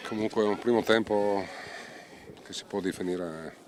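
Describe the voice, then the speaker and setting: A man's voice: on the low side, moderate pace. A man giving live amateur football commentary mixed with casual chat, restarting phrases as play unfolds. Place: outdoors beside an amateur football pitch. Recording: outdoor recording with crowd noise.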